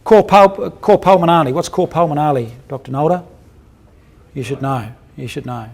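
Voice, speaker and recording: Built around case examples, this clinical dental lecture comes from a man with a gravelly voice on the high side, moving at a moderate pace. He's blunt and colloquial, cracks jokes, and asks the audience questions.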